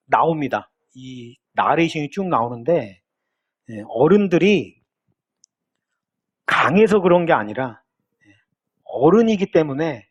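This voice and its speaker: Lively high-voiced Korean pastor preaching. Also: male voice. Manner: storytelling, retelling a drama scene with quoted lines. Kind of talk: sermon. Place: church sanctuary.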